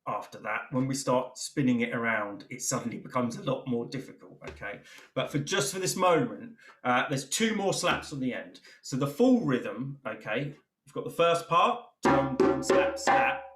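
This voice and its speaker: A man teaching a djembe lesson in a relaxed, encouraging way, counting drum strokes aloud. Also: medium pitch. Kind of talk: online percussion lesson. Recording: roomy sound with loud drumming. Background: djembe drumming.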